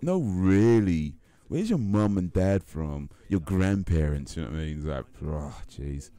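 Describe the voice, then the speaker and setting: This UK livestream host is a young man whose voice sits low, warm and expressive, moving at a measured pace. He talks casually with his stream viewers, relaxed and frequently laughing, full of fillers and repetitions.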